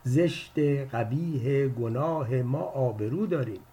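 A man voicing a tired, trembling old uncle with a thick Turkish accent, pleading slowly on the phone in an audiobook story. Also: medium pitch, warm tone, lightly acted. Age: older. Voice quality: trembling, shaky. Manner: pleading, slow and wordy.

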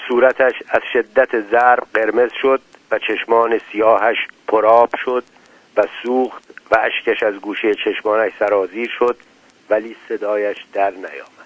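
A man telling a dramatic story in scripted narration, letting his loudness rise and fall widely. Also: on the low side, steady tone, dry recording. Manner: dramatic, with big swings in loudness. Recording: dull, dry lo-fi recording.

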